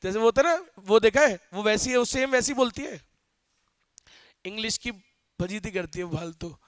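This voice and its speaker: A young male teacher lecturing a class in an animated, joking way, often quizzing students, with phrases. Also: high-pitched, moderate pace, no room sound. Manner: animated, asks students questions, jokes.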